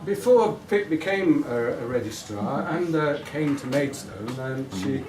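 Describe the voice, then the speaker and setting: A man's voice: mid-range voice, animated, unhurried. A middle-aged man giving an informal, affectionate father of the bride speech in a hesitant, rambling way at a wedding reception. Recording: echoey room, distant mic, audience noise. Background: guests murmuring and laughing.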